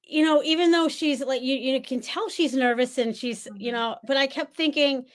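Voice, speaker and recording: Book show host, woman, slightly high, enthusiastic casual interviewer. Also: moderate pace. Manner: enthusiastic, laughs often. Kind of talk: casual chat.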